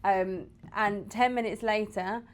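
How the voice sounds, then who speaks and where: Taking her time, this Englishwoman speaks in a steady, mid-range voice while co-hosting a podcast at home in the UAE. The conversation is relaxed, full of laughter and teasing.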